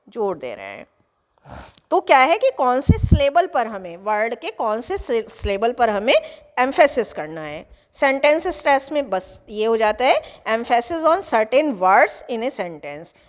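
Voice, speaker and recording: Higher-pitched woman lecturing in a reverberant room. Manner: explains English phrases in Hindi, slows down when reading English. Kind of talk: Hindi exam-prep lecture with English terms.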